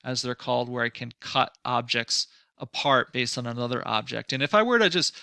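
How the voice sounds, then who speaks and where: A man teaching a design class through a screen-recorded software tutorial. He thinks aloud in a loose, conversational way, with many fillers and restarts and a touch of sarcasm. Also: mid-range voice, lively intonation, fairly quick, vocal fry, smooth, no room sound, clean studio sound. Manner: mildly sarcastic at times. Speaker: design instructor.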